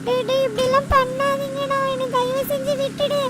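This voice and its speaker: Brief: a scared pleading cartoon boy, very high-pitched, distant in loud game noise. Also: little pitch movement, brisk, over music. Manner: pleading, panicky.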